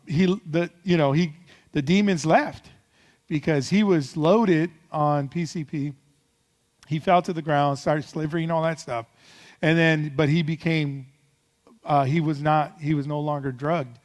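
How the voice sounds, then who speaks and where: A man's voice: fairly high pitch, in a large hall. A man preaching a sermon as pastor, telling a story in a loose, rambling way with many fillers and restarts.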